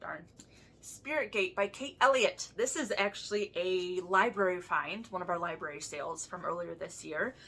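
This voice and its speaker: Bright-voiced woman with a slushy lisp. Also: fairly low pitch, moderate pace, slightly rough. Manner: chatty, thinks aloud. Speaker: book vlogger. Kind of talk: casual chat to viewers.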